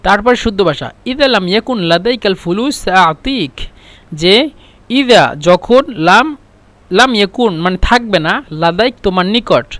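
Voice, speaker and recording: A man's voice: sits high, expressive, normal speed, fairly bright tone, no room sound. A man teaching spoken Arabic phrases in a casual lesson, repeating each phrase and explaining it with small hesitations.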